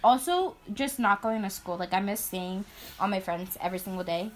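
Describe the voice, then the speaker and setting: A woman's voice: mid-range voice, moderate pace. A teenage girl co-hosting a casual podcast, telling stories with lots of "like", swearing and giggling. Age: late teens. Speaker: podcast co-host. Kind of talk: casual chat.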